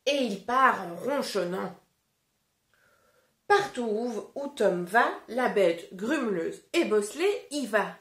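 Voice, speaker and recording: A woman reading a storybook aloud to children and leading a phonics lesson, slow and clearly articulated. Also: medium pitch, lively intonation. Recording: roomy echo.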